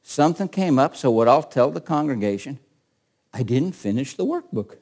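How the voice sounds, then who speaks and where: Animated preacher man with a lively voice. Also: medium pitch, normal speed. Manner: animated, asks the congregation rhetorical questions. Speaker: pastor. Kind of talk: sermon.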